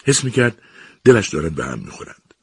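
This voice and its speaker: A man narrating a story in a measured, expressive reading. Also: deep voice, breathy edge, no room sound.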